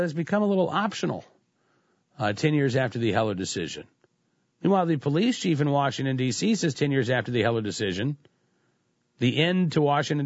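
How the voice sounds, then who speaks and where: A man's voice: mid-range voice, dry recording. Male talk radio host, sarcastic and conversational, with dry, slightly muffled studio audio. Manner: sarcastic, conversational, with frequent restarts. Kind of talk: political talk radio commentary.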